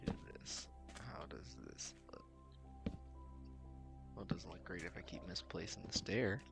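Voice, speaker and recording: A man chatting casually while streaming a building game, relaxed and rambling, his voice slightly worn. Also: sits low, a little slow, vocal fry, loud music behind the voice. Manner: relaxed, rambling, laughs softly to himself. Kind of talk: casual live-stream chat. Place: at home late at night. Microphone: desk mic with cord.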